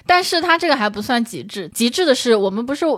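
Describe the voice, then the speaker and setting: A woman's voice: on the high side, big pitch swings, fast talker, no room sound, studio quality. A woman co-hosting a casual chat, a counselor who chimes in agreeably. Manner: agreeable, frequent backchannel. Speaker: podcast co-host, psychological counselor.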